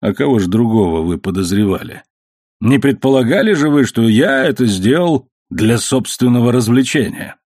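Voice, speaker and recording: A man's voice: medium pitch, expressive, normal speed, darkish tone, dry recording, clean studio sound, natural voice. A man voicing a sly bargaining sea captain. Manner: smooth and bargaining. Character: sly good-natured middle-aged ship captain.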